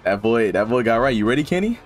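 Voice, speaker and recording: A man's voice: medium pitch, very animated, fast, music in the background. A man playing a fighting game with friends, talking loose slang, swearing and exclaiming as the fight goes. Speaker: gaming channel host. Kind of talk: casual gameplay chat with friends.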